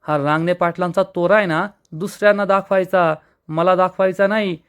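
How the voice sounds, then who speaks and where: A man's voice: high voice, fairly even intonation, normal speed, a bit bright, clean tone. A man reading the lines of an arrogant, hot-tempered young woman in a rude, defiant way. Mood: scornful.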